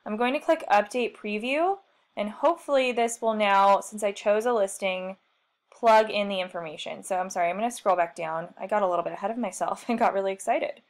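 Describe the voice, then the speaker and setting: Chatty woman giving a software walkthrough. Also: medium pitch, fairly quick. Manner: chatty, self-deprecating, thinking aloud. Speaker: marketing trainer. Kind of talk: screen-share software tutorial.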